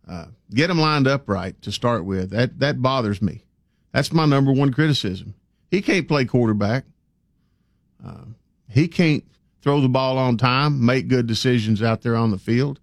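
A man's voice: medium pitch, no room sound, clean studio sound. A man giving folksy, opinionated commentary as a sports talk host. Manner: plain-spoken, folksy, opinionated.

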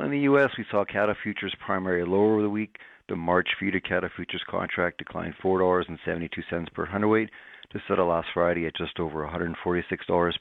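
A man's voice: low-pitched, gravelly, no echo. A man giving a scripted market analysis as a livestock economist on a radio farm report. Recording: muffled narrow phone-like line.

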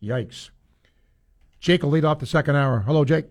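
A man's voice: fairly high pitch, normal speed. A man hosting sports talk radio, reading ad copy and introducing the show in a radio presenter's style. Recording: music bed behind the voice. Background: guitar music.

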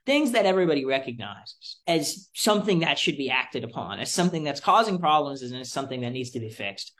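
With a medium-pitched, slightly bright voice, this young Floridian explains his views in an interview as a student policy advocate. His delivery is articulate and deliberate, marked by emphatic phrasing.

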